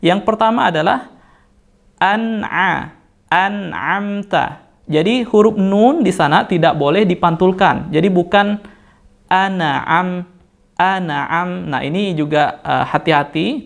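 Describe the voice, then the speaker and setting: A man with an Indonesian accent, teaching Quran recitation rules and slowly chanting verses between patient explanations. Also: high-pitched, creaky. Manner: patient, corrects mistakes step by step with fillers. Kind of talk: tajwid lesson with slow chanted recitation.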